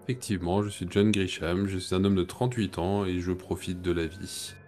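A man playing a tabletop game over a video call, speaking in a relaxed, even way. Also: sits low, normal speed, soft background music. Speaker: player. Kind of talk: tabletop game role-play.

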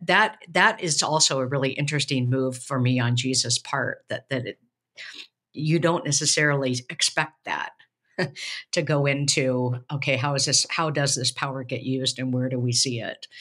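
A woman speaks from a home study over a webcam, thinking through a passage aloud in a casual discussion. Her voice is bright and forward, and she circles back often with fillers and restarts as she builds her point. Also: extremely low pitch, normal speed. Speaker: podcast co-host, preaching professor. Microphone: webcam on a video call.

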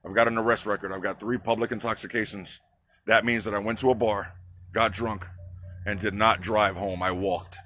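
A man's voice: on the low side, fairly even intonation, moderate pace, sharp tone, a little hiss or hum. A man in his forties giving an impassioned outdoor protest speech, repeating slogans and asking the crowd to answer back, recorded on a phone held at arm's length. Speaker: trucker activist. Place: outdoors on a city sidewalk by a park.

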